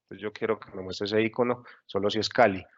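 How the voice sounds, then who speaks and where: A man's voice: fairly low pitch, steady tone, fast talker, muffled recording. A man teaching a webinar tutorial, explaining patiently step by step with frequent fillers. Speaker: software instructor. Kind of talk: screen-share webinar tutorial.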